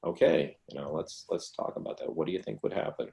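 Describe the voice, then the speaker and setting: A man presenting a talk and answering questions in an online session, explaining in a relaxed conversational way with frequent restarts. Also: extremely low pitch, fairly quick, creaky.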